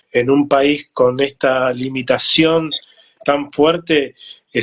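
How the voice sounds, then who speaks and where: Rioplatense interviewer with hesitant questions. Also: male voice, medium pitch. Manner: hesitant, with frequent fillers.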